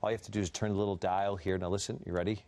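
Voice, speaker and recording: Guy hosting daytime tv, rapid talker, kinda low voice, upbeat. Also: little pitch movement, heavy background noise. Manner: upbeat, enthusiastic product presenter. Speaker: TV talk show co-host. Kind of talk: casual daytime TV chat.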